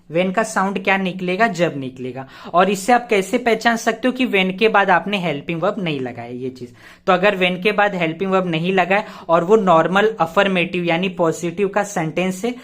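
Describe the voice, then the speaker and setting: A man's voice: high voice, fairly bright tone. A young man teaching a grammar lesson step by step. He repeats key words, asks rhetorical questions and spells words out letter by letter.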